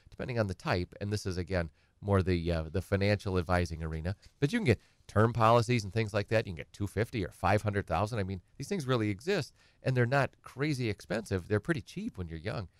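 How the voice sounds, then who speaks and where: In a clean, echo-free studio recording, a middle-aged man with a lowish voice talks quickly and expressively. As a guest attorney on a talk show, he rambles through an explanation of estate planning, voicing his clients' questions along the way.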